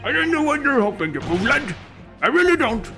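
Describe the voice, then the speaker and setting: Guy putting on a fast, sing-song old judge, stern and doubtful, game fan dub. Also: extremely high pitch, big pitch swings, over music, pitched above the performer's own voice, heavily acted. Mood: exasperated. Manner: formal, ponderous court speech.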